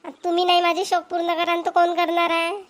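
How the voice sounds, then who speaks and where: Voicing a whiny, defiant young wife in an amateur cartoon, this woman sounds demanding and spoiled, ready to argue, with a Vidarbha Marathi accent. She talks quickly in an extremely high pitch with a completely flat delivery.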